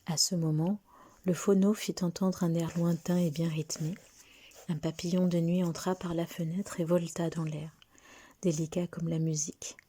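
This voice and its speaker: A woman reading a short story aloud as narrator, often in a hushed, half-whispered way. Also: on the low side, level tone, moderate pace, husky.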